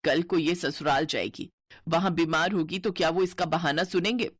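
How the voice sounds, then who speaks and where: A woman's voice: fairly low pitch, fairly even intonation, normal speed, slightly rough, dry recording, clean studio sound. A woman voicing a harsh, cruel stepmother in a cartoon story, scolding in a bossy way.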